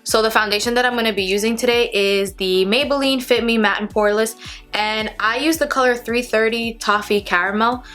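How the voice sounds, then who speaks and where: Talking directly to her audience, a woman runs through a makeup tutorial in casual beauty-vlogger fashion. She speaks fairly quickly in a slightly bright, higher voice while music plays in the background.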